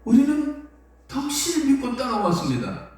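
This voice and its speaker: A man's voice: very high-pitched, huge pitch swings, moderate pace, darkish tone, voice pushed up, exaggerated voice. A man voicing an anxious older male disciple who protests and pleads in stammering outbursts. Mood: pleading. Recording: echoey hall from far off.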